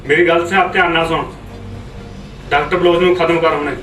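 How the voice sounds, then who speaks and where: A man's voice: fairly high pitch, steady tone, brisk, fairly bright tone, close to an everyday voice. An actor playing a domineering male commander, giving curt orders. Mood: commanding. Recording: echoey, from far off, with music.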